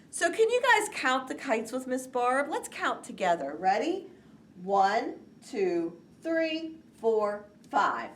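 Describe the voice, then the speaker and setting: A woman librarian leading a children's story time, talking to small kids in an animated, sing-song way. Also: medium pitch, a little hiss or hum.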